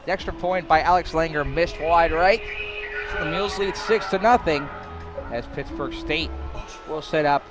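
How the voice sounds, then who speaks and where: A young man giving live college football play-by-play, excitable, rising to shouts on big plays and sometimes stumbling over his words. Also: on the high side, normal speed, music in the background. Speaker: play-by-play commentator.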